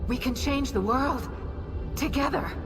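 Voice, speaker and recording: A woman's voice: high voice, unhurried, music in the background. A woman playing a desperate, ailing female zealot in a video game, insistent and persuasive. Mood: impassioned pleading. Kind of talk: dramatic video game acting.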